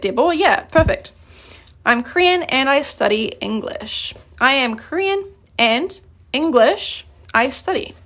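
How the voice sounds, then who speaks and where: High-voiced woman teaching a language lesson. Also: fairly bright tone. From New Zealand. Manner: clear, patient explaining, slows down on examples. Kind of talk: live-streamed grammar lesson.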